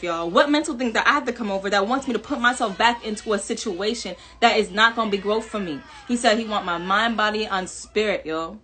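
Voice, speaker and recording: A fairly high, bright and forceful voice carries this frank personal video talk. The woman, raised in New York by a Jamaican family and speaking with a Jamaican-American accent, stresses her points to viewers, says things more than once and laughs in between.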